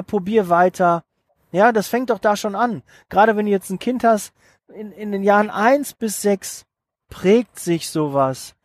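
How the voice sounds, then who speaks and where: A man's voice: sits high, dry recording. A middle-aged man hosting a motivational podcast, talking casually and emphatically with many fillers and restarts. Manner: acts out quoted doubters in his own voice. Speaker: podcast host.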